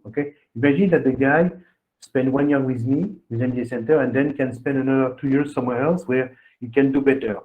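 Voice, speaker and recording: A man talks through admissions advice on a webinar, wandering off on tangents and tossing in "okay?" and "huh?" between points. His voice sits in a middle register. The call audio is thin and phone-like. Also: medium pitch. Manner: rambling, checks in with "okay?" and "huh?". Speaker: admissions consultant hosting a webinar. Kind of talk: webinar explanation. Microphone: video call.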